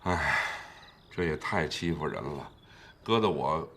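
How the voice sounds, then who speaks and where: An actor playing a gruff, scolding father. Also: rumbling low, lively intonation, measured pace, a bit bright, slight background noise, heavily acted.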